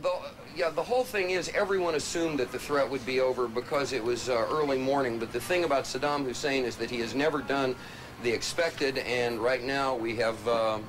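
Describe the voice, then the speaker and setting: A man working as a TV correspondent, giving a live breaking-news report in a halting, hesitant way, searching for words. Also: mid-range voice, a crowd in the background. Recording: loud noisy outdoor live location sound. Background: loud ambient noise, air raid sirens.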